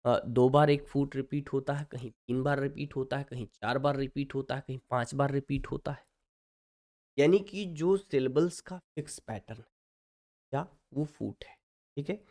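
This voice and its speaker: A man teaching an English literature lesson in Hindi mixed with English. He keeps checking with his students and slows right down to dictate definitions. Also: mid-range voice, darkish tone. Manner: mixes Hindi and English, keeps asking "ठीक है".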